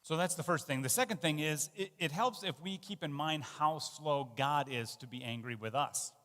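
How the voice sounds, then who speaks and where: A man's voice: on the high side, normal speed, fairly bright tone, big-room sound. A man giving a sermon in a conversational, self-deprecating way, with fillers and restarts. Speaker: pastor. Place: church.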